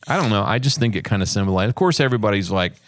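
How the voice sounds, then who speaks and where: A man's voice: fairly low pitch, animated, racing, no room sound. An older man co-hosting a film podcast, musing in a thoughtful, rambling way with frequent restarts. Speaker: podcast co-host, the dad. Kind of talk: casual film discussion.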